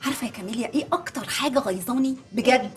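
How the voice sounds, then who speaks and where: An actress playing an outspoken, indignant young wife and journalist who rants animatedly in a comic TV series. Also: female voice, on the high side, very fast, soft background music, close to an everyday voice. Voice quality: animated, ranting, mock-dramatic.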